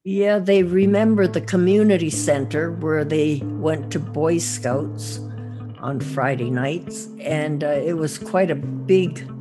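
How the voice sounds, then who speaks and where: A woman recalling her brothers' community life in a plain, unhurried way. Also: low-pitched. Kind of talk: interview recollection. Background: guitar music.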